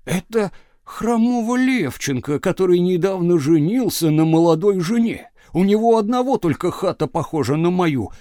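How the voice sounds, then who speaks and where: A man's voice: high voice, expressive, moderate pace, mellow, dry recording, voice pushed up. Sly old village guy muttering and grumbling to himself, voice swings up and down, as a reader puts him on, dry sound. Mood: puzzled musing. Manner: muttering to himself, wheedling and resentful.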